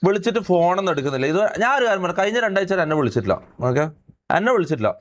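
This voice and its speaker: A man's voice: high-pitched, big pitch swings, very fast. A man talking on a livestream, emphatic and aggrieved, who keeps checking that listeners understand. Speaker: streamer. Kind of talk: livestream chat.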